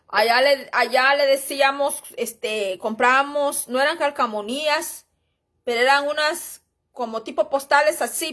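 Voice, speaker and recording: A woman's voice: sits high, fairly bright tone. A middle-aged woman gives an informal church history lesson, reading aloud and chatting between passages, often calling her listeners brothers and sisters. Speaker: Bible teacher.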